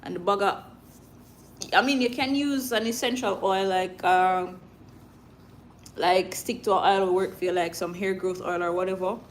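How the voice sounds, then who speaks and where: A woman with a Jamaican accent hosts a casual livestream, chatting informally with her viewers and slipping into Patois. Her voice sits on the low side, with a steady tone and a measured pace. The recording carries clear background noise.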